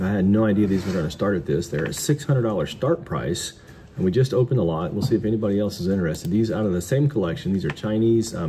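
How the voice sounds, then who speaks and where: A fairly low, mellow male voice belongs to a middle-aged American auctioneer who also hosts a vlog. As lots are sold, he offers easygoing remarks about them, with background noise plainly present in the audio.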